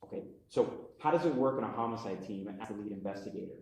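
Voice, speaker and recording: A man's voice: fairly low pitch, animated, a little mellow, echoey room. Man questioning a witness in courtroom audio. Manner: measured questioning with fillers. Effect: courtroom recording. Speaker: prosecutor.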